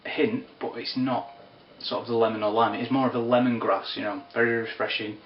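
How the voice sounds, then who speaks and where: A man's voice: medium pitch, steady tone, a little hiss or hum. Man reviewing whisky from across a room. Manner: unhurried, descriptive, with wry asides. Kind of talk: casual spoken tasting review. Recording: roomy, distant, dull lo-fi sound.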